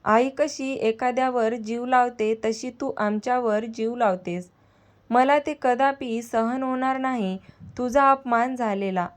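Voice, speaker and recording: A woman voicing a young married man, a protective nephew quick to anger, speaking earnestly to his aunt. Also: fairly high pitch, close to an everyday voice.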